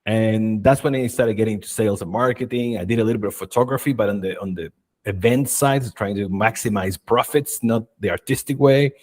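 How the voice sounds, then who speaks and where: A man's voice: lowish voice, fairly quick, a little mellow. A man in his forties from Chile, a guest on an interview podcast, telling his career story with enthusiasm and many fillers. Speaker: guest, marketing and video expert. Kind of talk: casual interview chat.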